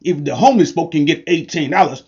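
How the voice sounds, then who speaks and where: High-voiced man giving a hyped sales pitch. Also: fast, a little mellow, slightly rough. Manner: preachy, repetitive call-and-response hype in casual slang. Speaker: online business promoter. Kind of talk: energetic sales pitch to camera. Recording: dull lo-fi recording.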